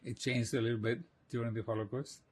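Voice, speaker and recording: A man in his eighties from Greece, slowly and reflectively recalling his childhood in an oral history interview, with soft laughs. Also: mid-range voice, flat delivery, breathy edge. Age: 80s.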